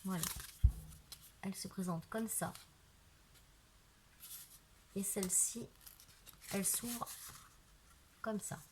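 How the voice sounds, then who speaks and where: A woman's voice: medium pitch, takes it slowly, pauses often, slight background noise. A woman casually showing off a handmade craft album, chatting as she turns each page and filling her talk with "voilà" and "euh". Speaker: craft video maker. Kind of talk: casual craft show-and-tell. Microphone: camera on a tripod.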